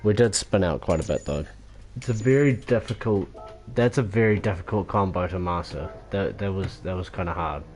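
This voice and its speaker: A man wrapping up a racing stream, tired and sore, self-critical and halting with lots of fillers. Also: low-pitched, darkish tone, faint music behind. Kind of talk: casual post-race wrap-up.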